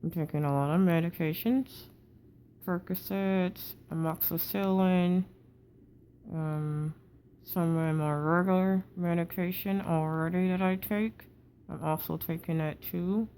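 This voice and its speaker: Low-voiced woman talking through a wired jaw. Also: fairly even intonation, dark tone, slight background noise. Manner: muffled talk through a wired-shut jaw, teeth held together; halting, effortful. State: tired, sore with swollen cheek. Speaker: patient recovering from jaw surgery. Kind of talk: casual video diary.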